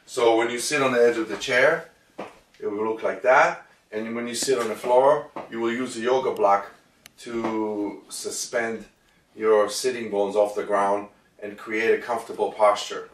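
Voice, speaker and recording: Male meditation teacher, middle-aged, slow breath-counting guidance with measured pauses, recorded at a distance in an echoey room. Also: fairly low pitch, steady tone. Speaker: meditation and Chi Kung instructor. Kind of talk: spoken instruction for breath meditation. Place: indoor studio with plain backdrop. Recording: roomy echo, distant microphone.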